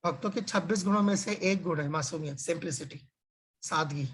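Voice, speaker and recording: Speaking in a husky voice on the high side, a man leads a religious scripture class over a video call. He explains through rhetorical questions and everyday examples, repeatedly using filler phrases and restarting, and drags out key words for emphasis.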